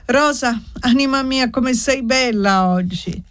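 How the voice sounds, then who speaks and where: A woman's voice: a little high, slow, fairly bright tone, voice pushed up. A woman voicing an affectionate, vain old village woman in a read-aloud novel. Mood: doting. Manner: doting, fussy.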